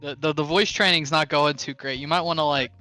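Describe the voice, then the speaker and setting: Bright-voiced wisecracking male player. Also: a little high, steady tone, clean tone, no room sound, soft background music. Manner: wisecracking, quick quips. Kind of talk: joking tabletop banter.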